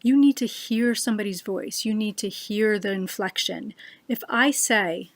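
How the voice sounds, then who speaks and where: A woman giving an earnest personal talk to a webcam, slowing down to stress her key words. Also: mid-range voice, no echo. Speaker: speaker giving a short talk. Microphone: webcam on a computer.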